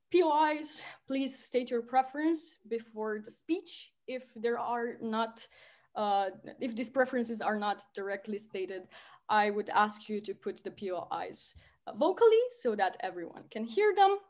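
A woman from Romania chairing a debate on a video call, friendly and measured, with some fillers. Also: a little high, expressive, a little mellow. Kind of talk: formal introductions over video call.

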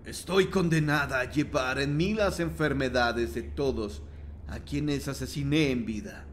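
A man's voice: medium pitch, measured pace, a little hiss or hum, natural voice. A man voicing the ghastly dead nurse of a horror story, putting on a horrid, demonic voice from beyond the grave. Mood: menacing. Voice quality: horrid unearthly tone.

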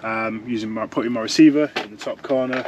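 A man's voice: lowish voice, steady tone, fast talker, noisy background. A young man chatting casually as he reviews fishing gear from inside a tent, rambling and restarting his sentences. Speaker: fishing vlogger.

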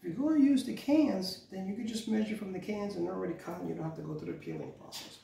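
Hosting a home cooking show, a middle-aged man talks through each step of a casual demonstration, relaxed and instructive, often correcting himself and saying "go ahead and" again and again. He talks fast in a high voice with vocal fry. The camera mic sits across his large, bright indoor kitchen, so the audio is roomy, distant and noisy.

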